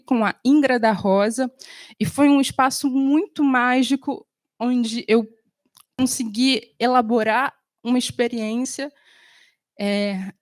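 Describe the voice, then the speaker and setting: A woman film editor and teacher speaking reflectively on a panel, pausing often with soft fillers. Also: fairly high pitch, no echo, studio quality. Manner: thoughtful, with frequent fillers and soft pauses.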